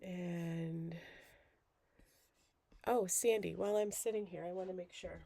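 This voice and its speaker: A woman's voice: lowish voice, steady tone, unhurried, gravelly, warm tone. A woman hosting a casual crafting livestream while groggy and sick with a cold, chatty and rambling. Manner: rambling, chatty, self-deprecating.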